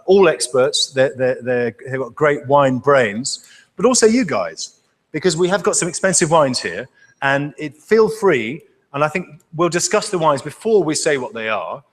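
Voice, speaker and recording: A man leading a wine tasting, speaking live to an audience with enthusiasm and frequent stammered restarts. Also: mid-range voice. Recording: echoey hall.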